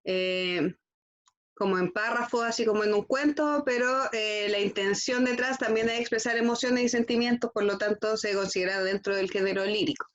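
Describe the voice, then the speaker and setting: A woman's voice: mid-range voice, moderate pace, dull audio. A woman teaching a school lesson, constantly checking in with her students. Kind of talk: classroom lesson.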